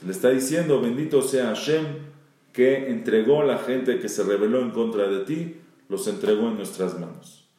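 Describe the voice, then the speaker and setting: Echoey rabbi. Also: male voice, medium pitch, moderate pace, dark tone. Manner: reads Hebrew verses, then explains them in Spanish; repeats phrases for emphasis. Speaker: rabbi teaching. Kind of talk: Bible storytelling lesson. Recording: very echoey room.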